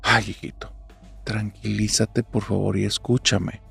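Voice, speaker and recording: A man voicing a calm, oddly cold mother who hushes her son in a spoken horror story. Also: fairly low pitch, measured pace, gravelly, slightly rough, dry recording, faint music behind, exaggerated voice. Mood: soothing. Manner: soothing, hushed.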